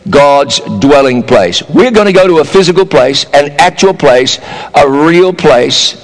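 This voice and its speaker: A man delivering a sermon in a voice pitched a little higher than most men. He preaches in an animated way, rising to loud urging and dropping into low, mocking asides. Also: measured pace, big-room sound, soft background music, poor audio.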